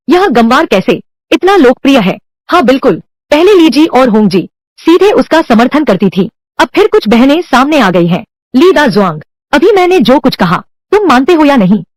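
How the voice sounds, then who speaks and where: A woman's voice: high voice, no echo. A woman alone voicing every character of a dubbed drama, men and women alike, in one unchanged reading voice. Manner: reads all male and female parts in one unchanged voice. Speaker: voice-over dubber.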